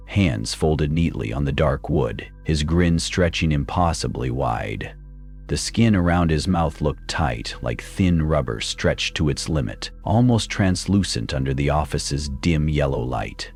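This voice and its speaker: Very deep-voiced male horror narrator. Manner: tense, dramatic storytelling.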